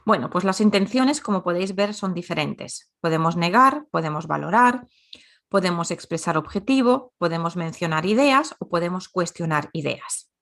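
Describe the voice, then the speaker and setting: A woman's voice: on the low side, lively intonation, fairly bright tone. Woman teaching grammar with patient examples. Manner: explains slowly with repeated example sentences. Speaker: Spanish teacher. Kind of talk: grammar lesson.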